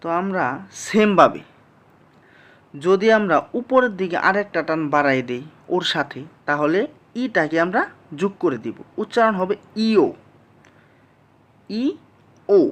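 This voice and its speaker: A teacher giving a slow, patient language lesson, explaining each sound step by step and repeating it back to the class. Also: medium pitch, expressive, a bit bright.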